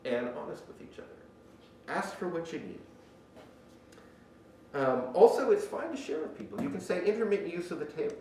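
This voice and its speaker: In an indoor woodworking shop, a male instructor gives an informal, emphatic orientation on rules and equipment, speaking plainly through a face mask that slightly muffles him. His voice is on the high side and a little mellow. A distant mic catches a very echoey room with faint noise.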